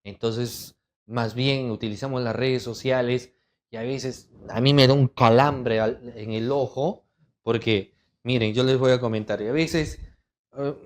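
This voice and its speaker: A middle-aged man teaching an online legal writing lesson, listing terms in a measured cadence and checking in with students with rhetorical questions. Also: medium pitch, fairly even intonation. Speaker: writing workshop instructor.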